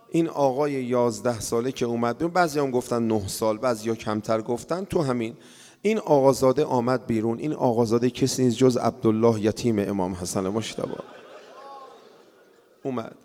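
A man giving a mourning sermon, chanting the story and rising into wailing shouts. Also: mid-range voice. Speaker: mourning preacher. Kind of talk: lamenting religious sermon. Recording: reverberant hall.

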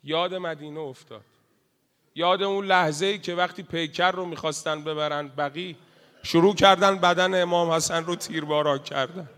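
A man delivering a mourning sermon, swinging between loud wailing cries and hushed grieving murmurs. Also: on the high side, steady tone, in a large hall. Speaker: religious eulogist.

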